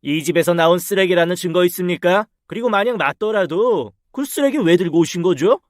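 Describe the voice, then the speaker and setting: A man's voice: high-pitched, expressive, a little fast, no room sound, clean studio sound. Man playing a curt, stern young cop. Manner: curt, formal, official. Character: stern young male police officer. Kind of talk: storybook dialogue.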